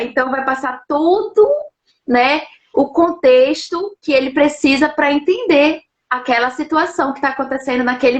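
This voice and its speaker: High-voiced woman explaining patiently. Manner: explains patiently, leans on tag questions. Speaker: sign language interpreter and lawyer. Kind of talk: explanatory live interview talk. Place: at home.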